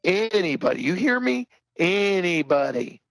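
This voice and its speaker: Gravelly older man, emphatic and heated. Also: animated, normal speed, no echo, soft background music, rough recording. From Texas. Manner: emphatic, repetitive, rising pitch when worked up. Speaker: podcast guest. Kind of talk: impassioned talk-show commentary.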